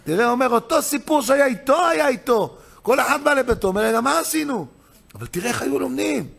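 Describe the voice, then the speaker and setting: Gravelly, high-voiced rabbi teaching with fire. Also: male voice. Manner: swings between loud excited emphasis and low hushed asides; acts out the voices of people in his stories. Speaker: rabbi giving a weekly Torah lesson. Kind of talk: animated storytelling lesson.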